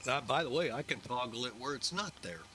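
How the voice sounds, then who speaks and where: Bright-voiced man streaming over aircraft noise. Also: mid-range voice, animated, brisk. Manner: talks himself through each step. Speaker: flight simulator streamer. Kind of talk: casual live-stream commentary while running checklists.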